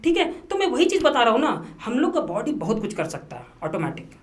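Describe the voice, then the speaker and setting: A man in a podcast studio spins a story as the guest, piling up repeated phrases and slipping in English words as he goes. His telling is lively and emphatic, full of little restarts and asides to the host. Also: extremely high pitch, fairly quick. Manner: animated, repetitive storytelling, mixing English words into Hindi. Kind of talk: casual storytelling interview.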